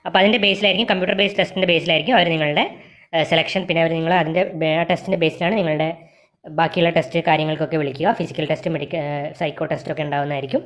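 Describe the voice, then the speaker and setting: Speaking very fast in a low voice with fairly even intonation, a woman with a Kerala Malayali accent presents job vacancy videos. She reads out the details of this informational explainer in a matter-of-fact way.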